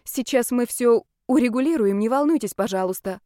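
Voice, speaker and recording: A flustered female restaurant administrator rushes through polite pleas in a storybook, played by a woman reader. Her voice sits clearly higher than the reader's own, smooth and clear. The sound is dry and close. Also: expressive, mellow, no room sound, natural voice. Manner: hurried, anxious politeness.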